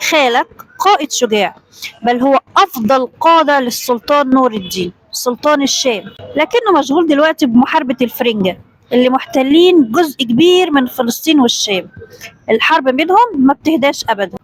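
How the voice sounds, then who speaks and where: A woman's voice: high-pitched, expressive, fast, dry recording, poor audio. A woman doing a whispering, fearful servant. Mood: explaining. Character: fearful male servant guiding a boy, cautious.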